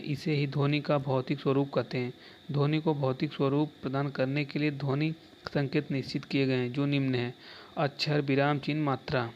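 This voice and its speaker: A man teaching an exam-prep lesson, reading answers aloud step by step, often repeating terms and saying "dekhiye". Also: medium pitch. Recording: slightly dull lo-fi recording with faint background noise.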